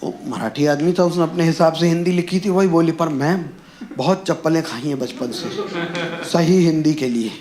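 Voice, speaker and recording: A middle-aged man doing a stand-up comedy set, telling animated stories and mimicking people with loud outbursts. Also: a little high, normal speed. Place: comedy venue with live audience. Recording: echoey room with background noise.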